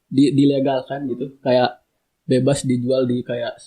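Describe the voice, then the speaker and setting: A man's voice: mid-range voice, little pitch movement, unhurried, dark tone. Laid-back young man, echoey room. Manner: laid-back, slangy, laughing. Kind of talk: casual chat.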